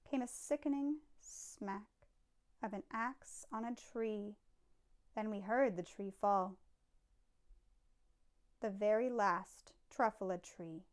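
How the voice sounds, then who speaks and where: A woman reads a children's picture book aloud with expressive storytelling flair, her mid-range voice moving slowly and leaving long pauses.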